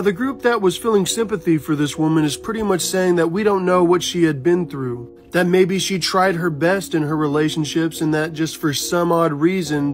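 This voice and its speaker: A man narrating a scripted news-style rundown of a viral video. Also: on the high side. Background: music.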